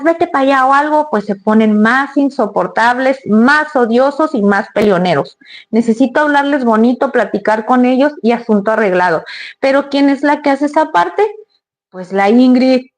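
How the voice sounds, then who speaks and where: Lady vlogger rambling on to her viewers, kinda high voice, casual storytelling. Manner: chatty, rambling, addresses viewers directly.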